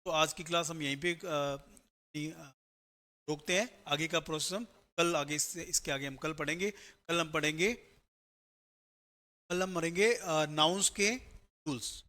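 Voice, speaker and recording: A male grammar teacher giving a step-by-step classroom lecture for exam students, often checking in with a quick "right?". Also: fairly high pitch, fairly even intonation, pushed and bright.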